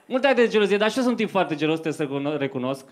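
Speaking into a handheld mic on a club stage, a young man performs stand-up, storytelling in a conversational way to the live crowd. His voice is a little high and very animated. Faint noise runs through the live recording.

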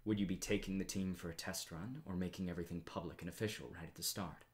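A calm superhero who commands a living tornado speaks softly, almost in a whisper, as a man puts him on. This is whispered role-play in an audiobook, the voice very deep and hushed. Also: quick pace, lightly acted. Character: soft-spoken male hero, living tornado.

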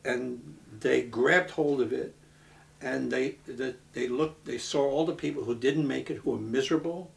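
A man, from Brooklyn, speaking earnestly in a documentary interview, halting with many restarts. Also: medium pitch, fairly even intonation, gravelly. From Brooklyn, New York. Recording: voice from a distance off the mic.

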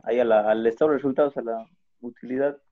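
A man's voice: mid-range voice, fairly even intonation, quick pace. A man answering a teacher's questions as a student, hesitant and searching for his words. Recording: dull lo-fi line.

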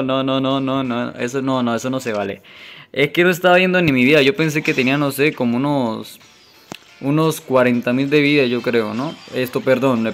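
Mexican male gaming host, chatty and excitable, talks straight to viewers over soft game music. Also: mid-range voice. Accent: Mexican Spanish. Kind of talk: mobile gameplay commentary.

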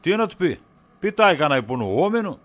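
A man's voice: on the high side, sing-song. A man playing a teasing, cagey friend. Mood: evasive. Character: teasing friend, middle-aged man named Kostas. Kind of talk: comedy sketch acting.

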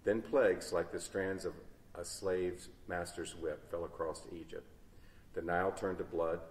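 A man dramatically reading a Bible story aloud in a large church, his loudness rising and falling. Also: low-pitched, steady tone, a little slow. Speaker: story reader. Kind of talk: expressive read-aloud storytelling. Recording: echoey church hall, distant mic.

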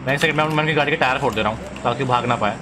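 A man streaming a mobile shooter, giving quick, bossy calls to his squad over live voice chat. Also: mid-range voice. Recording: game sounds and chat noise.

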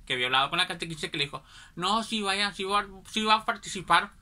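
Lady rambling thru a childhood story, super bright sharp voice, chatty. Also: medium pitch, quick pace. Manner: chatty, rambling, keeps asking ¿verdad?. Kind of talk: casual anecdote telling.

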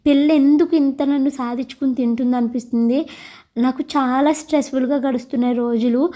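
A hoarse woman, a mother, venting in a casual vlog and asking her viewers questions. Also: high-pitched, fairly even intonation, a little fast, warm tone. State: hoarse from shouting. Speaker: vlogger and mother. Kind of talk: casual confessional vlog chat.

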